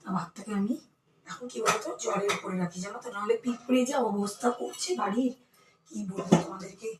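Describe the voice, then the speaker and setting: Hoarse woman chatting fast to viewers. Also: medium pitch, heavy background noise. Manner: chatty, addresses viewers directly. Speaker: lifestyle vlogger. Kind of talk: casual home vlog narration. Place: home kitchen and balcony.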